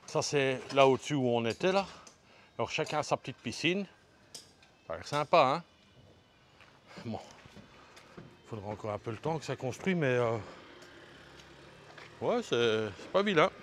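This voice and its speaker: A man's voice: mid-range voice, lively intonation, moderate pace, pauses often, a bit bright, a little hiss or hum. A man vlogging casually while walking outdoors, hot and short of breath, joking and talking straight to his viewers. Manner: chatty, jokey, addresses viewers directly. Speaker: travel vlogger. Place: outdoor ridge path.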